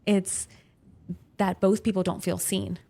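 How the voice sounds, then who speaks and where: A woman hosting a therapy podcast, explaining things conversationally in a calm, affirming way with emphasis on key words. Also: mid-range voice, slow pace, gravelly.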